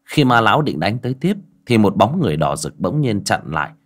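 A man's voice: fairly low pitch, sing-song, a little fast. A man narrating an audiobook, addressing listeners directly in a conversational way.

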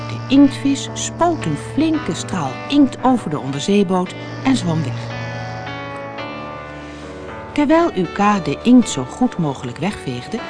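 A woman reads a children's story aloud with an expressive, storytelling lilt. Her voice sits low but rises and falls lavishly, and soft music plays quietly beneath her. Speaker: storybook narrator. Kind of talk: scripted narration of a children's story.

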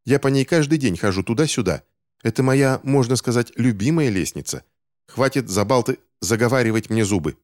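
A man's voice: medium pitch, lively intonation, fairly quick, darkish tone, no echo, studio quality, voice pushed up, natural voice. A man reading an audiobook, voicing a young boy who is angry and distrustful of adults and speaks in a heated, accusing way. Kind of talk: audiobook character voice.

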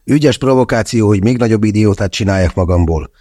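A man's voice: on the low side, mellow, no echo, clean studio sound, natural voice. A man voicing a crude, mocking young male skeptic in an audiobook. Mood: scornful. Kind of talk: audiobook character voice.

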